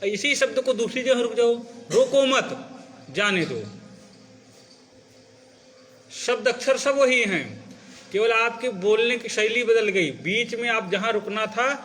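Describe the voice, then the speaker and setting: In a classroom lecture, a man with an extremely high, pushed, bright voice teaches students how to recite sacred stories at a normal pace. He explains patiently and keeps asking questions to make sure they follow, reciting example lines to demonstrate phrasing.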